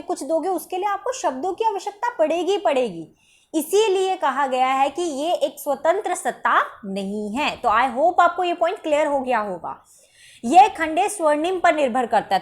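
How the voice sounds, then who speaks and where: A woman teaching an exam-prep lecture. She explains step by step, keeps asking "ठीक है?", and answers her own questions. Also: high voice.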